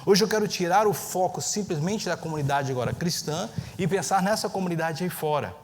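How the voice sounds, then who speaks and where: A man preaching a sermon as pastor, telling a story with lively pacing and acting out the people he quotes. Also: high voice, a little fast. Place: church sanctuary. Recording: long church reverb, faint ambient noise.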